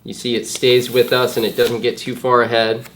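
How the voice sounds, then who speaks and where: A man's voice: mid-range voice, level tone, normal speed, a bit bright, slight background noise, low-quality recording. Plain-spoken male first aid instructor. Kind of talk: hands-on demonstration, explaining steps.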